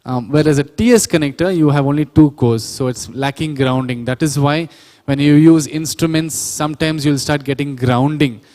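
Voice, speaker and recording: Speaking at a moderate pace with hardly any pauses, a man with a slightly high, somewhat mellow voice lectures on sound engineering in a church hall or auditorium, where a long reverb tail follows. He walks through each step, corrects himself, and asks the audience questions.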